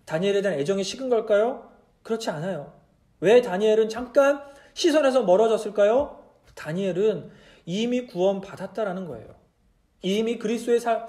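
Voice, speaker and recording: A man's voice: high voice, brisk, mellow. A male pastor preaching a midweek church sermon, asking the congregation many rhetorical questions. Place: church service.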